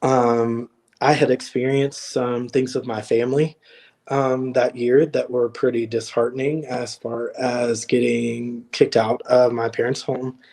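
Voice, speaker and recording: A young adult man speaking as a guest over a video call, at a middle pitch for a man. He talks in an earnest, reflective way, often pausing and searching for words. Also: little pitch movement, a little mellow. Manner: earnest, reflective, many hesitations. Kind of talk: casual chat.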